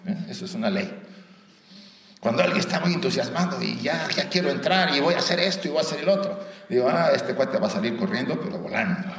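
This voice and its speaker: Mexican man lecturing in an echoing hall. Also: mid-range voice. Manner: conversational, often asks the audience rhetorical questions; light humor mixed into the teaching. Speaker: lecturer at a theosophical society. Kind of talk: spiritual lecture to a live audience. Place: lecture room with an audience. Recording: roomy hall echo, voice from far off.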